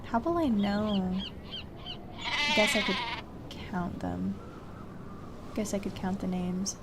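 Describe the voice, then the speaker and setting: A woman streaming a video game chats casually with viewers and mutters questions to herself while thinking aloud. Her medium-pitched voice is animated but slow, and the very noisy recording includes game sound effects, game ambience and bleating sheep.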